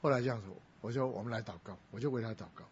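A middle-aged male pastor races through a sermon, telling a family story and raising his voice whenever he quotes someone. His mid-range voice is slightly rough, and the lo-fi recording sounds dull.

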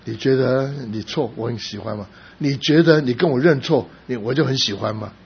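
A middle-aged man preaching a sermon as a pastor, telling a personal story with rising emphasis and sudden soft drops. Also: medium pitch, normal speed, vocal fry, breathy edge. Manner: emotional storytelling, rising to loud emphasis then dropping soft. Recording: slightly dull recording with faint background noise.

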